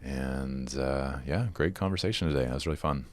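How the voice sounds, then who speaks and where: A man's voice: rumbling low, moderate pace. A man speaking as a podcast guest, chatting informally and often saying "like" and "you know". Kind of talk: casual interview chat.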